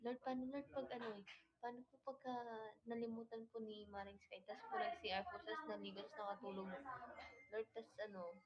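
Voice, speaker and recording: A woman's voice: a little high, fairly quick. A Filipino woman hosting a casual livestream, mock-praying to the Lord about gifts from viewers in a polite, pleading way. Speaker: livestream host. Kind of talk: casual livestream chat, pretending to pray. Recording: dull lo-fi audio with loud crowd behind.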